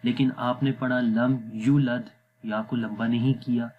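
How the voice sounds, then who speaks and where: A man teaching Quran recitation rules in a patient lesson, often checking whether the listener follows and slowing down to sound out Arabic words. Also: medium pitch, flat delivery, narrow, tinny audio, a little hiss or hum. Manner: patient, repeats "theek hai?" to check understanding. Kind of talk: explanatory lesson.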